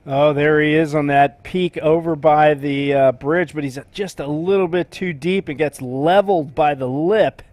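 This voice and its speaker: A man giving relaxed, chatty live commentary on a surf contest, using surf slang. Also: on the high side, a little slow, hardly any pauses, no echo.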